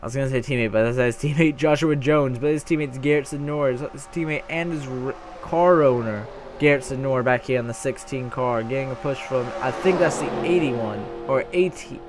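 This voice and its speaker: A young man giving casual play-by-play commentary on a simulated stock car race, rambling and often correcting himself, getting excited when the racing gets close. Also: mid-range voice, normal speed, hardly any pauses, faint music behind.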